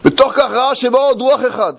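A man with a high voice teaches as a Torah teacher, retelling a tale line by line. He talks in an animated way, asking rhetorical questions and repeating phrases for weight. His delivery has the steady build of an expository lecture.

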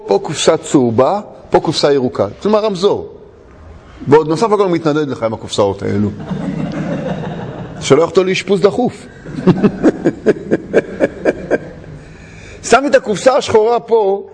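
A man giving a storytelling sermon, animated and laughing often as he tells a story. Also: sits high, slightly rough. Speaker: religious teacher. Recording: long hall reverb.

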